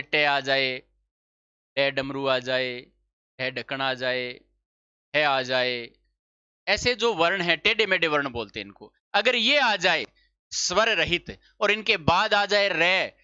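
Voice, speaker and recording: A male teacher drills a grammar lesson in a bright, forceful voice. He keeps asking questions and answering them himself, and he repeats each point before moving on. The sound is dry and a bit dull, as on a lo-fi recording. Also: high-pitched, dry recording. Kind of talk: exam-prep spelling lesson.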